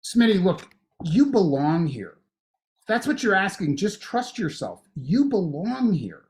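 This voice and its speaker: A man voicing a firm, matter-of-fact woman in grad school who reassures a nervous newcomer. Her lines sit a little higher than his usual voice and come out plain and encouraging, with no showy acting. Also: very animated, unhurried, darkish tone, slight background noise, full character voice. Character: supportive older female grad student, blunt.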